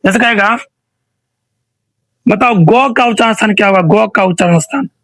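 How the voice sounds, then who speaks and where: A man's voice: sits high, moderate pace, a bit bright, dry recording, low-quality recording. A male teacher running an online revision quiz, asking each question again and again and prompting students to answer.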